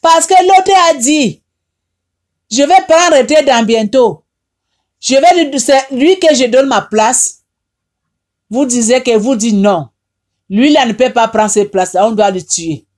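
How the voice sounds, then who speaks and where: A woman's voice: on the high side, expressive, a little slow, pauses often, a little mellow. Tearful woman preaching with Haitian French accent. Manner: impassioned, repetitive, rebuking. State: tearful, upset. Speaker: online advice host. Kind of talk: emotional preaching monologue.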